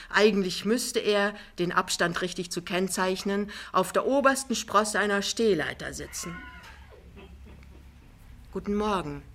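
Bright-voiced woman narrating a novel. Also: fairly low pitch. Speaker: audiobook reader. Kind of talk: literary audiobook narration.

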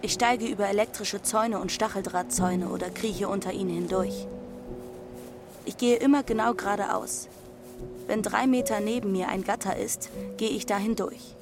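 In an audio drama, a woman plays a defiant teenage runaway girl who narrates her own journey in a matter-of-fact, first-person literary style. Her natural, mid-range voice holds a steady tone at normal speed, with music underneath.

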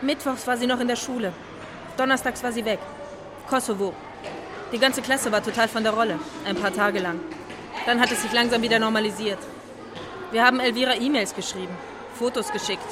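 A woman's voice: fairly high pitch, steady tone, a little fast, long pauses, close to an everyday voice. A woman playing a teacher who speaks earnestly to the listener in a radio drama monologue. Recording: crowd and loud noise in a public place.

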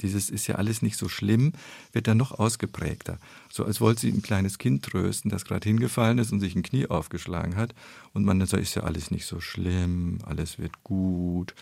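A man explaining speech research in an interview, in a measured, analytical way. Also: lowish voice, vocal fry, a little mellow, husky, no echo.

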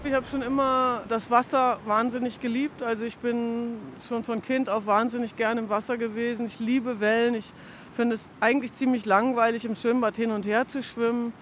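A woman's voice: a little high, moderate pace, a little hiss or hum. An older woman being interviewed about surfing, telling stories with eager enthusiasm. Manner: enthusiastic, animated storyteller. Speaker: interviewee, late-starting surfer. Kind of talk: casual storytelling interview.

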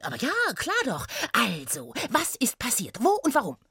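A woman voicing a tiny, excited female gnome trainee who chatters eagerly in a high, bouncy voice. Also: moderate pace, creaky, slightly rough, dry recording, studio quality, heavily acted.

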